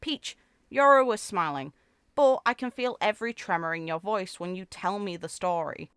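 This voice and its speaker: Here a woman gaming creator performs story text expressively, adding casual asides. She speaks at medium pitch and a moderate pace, a bit bright and clean, in clean studio sound with no echo and music under the voice.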